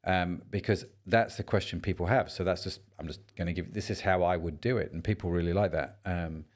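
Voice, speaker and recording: A man's voice: deep voice, fairly even intonation, brisk. A man co-hosting a business podcast, talking in a chatty, rambling way and joking around. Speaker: podcast co-host. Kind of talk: casual podcast chat.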